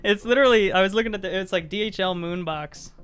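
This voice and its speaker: A man's voice: high-pitched, fast, fairly bright tone, smooth. A man co-hosting a podcast, chatting casually on a live stream and rambling with many fillers and restarts. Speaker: podcast co-host.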